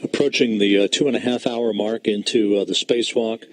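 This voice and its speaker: A man with a fairly low voice gives live mission commentary. His phrasing is deliberate and halting, broken into short pieces. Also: fairly even intonation. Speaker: broadcast commentator.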